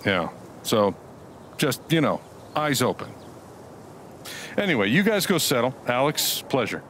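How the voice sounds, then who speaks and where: An actor playing a middle-aged small-town bar owner who talks a lot and swears casually in a gruffly friendly way. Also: male voice, medium pitch, very animated, unhurried, a bit bright, slight background noise. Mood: friendly, joking.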